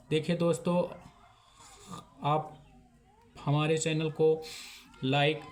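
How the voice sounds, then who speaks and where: A man teaching name spellings step by step, in a slow, repetitive way. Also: on the high side. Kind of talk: handwriting lesson.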